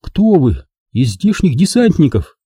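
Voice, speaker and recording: A man's voice: unhurried, husky, dry recording, studio quality, exaggerated voice. A man voicing a shaken young woman in an audiobook. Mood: dazed. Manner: flat and lifeless, then shrill and pleading. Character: young woman in shock, near hysteria. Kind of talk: audiobook narration.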